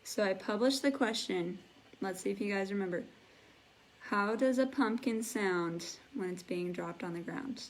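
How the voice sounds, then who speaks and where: A woman's voice: mid-range voice, moderate pace. A woman teaching a live online English class, patiently explaining words and encouraging her students. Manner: patient, encouraging, imitates sound effects.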